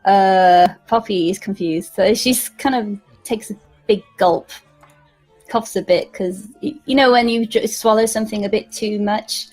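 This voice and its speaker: A woman's voice: medium pitch, unhurried, darkish tone, faint music behind, poor audio. A woman player rambling through her character's actions, giggling as she goes.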